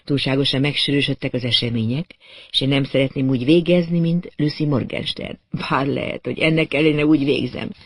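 A man reading an audiobook, voicing a cool, hard-edged seductive woman in a slow, purring, deliberate way. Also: medium pitch, fairly even intonation, no room sound, studio quality, natural voice. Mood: teasing.

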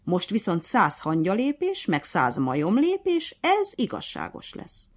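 A woman's voice: medium pitch, huge pitch swings, voice pushed up. A woman voicing a fair-minded but bossy male hare acting as referee in a storybook tale, speaking in a strict, commanding way.

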